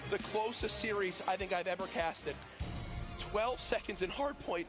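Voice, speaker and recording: A man doing play-by-play esports commentary, excitable and building to shouts at big moments. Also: high-pitched, unhurried, over music. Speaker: esports caster.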